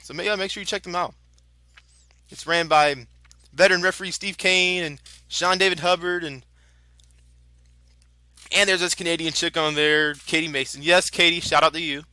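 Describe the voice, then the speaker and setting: A man's voice: on the high side, steady tone, moderate pace, pauses often, sharp tone, clear, resonant tone, no room sound. A man working as a lucha libre announcer, calling wrestling moves and slipping in promotional plugs in a chatty, informal, exclamatory way.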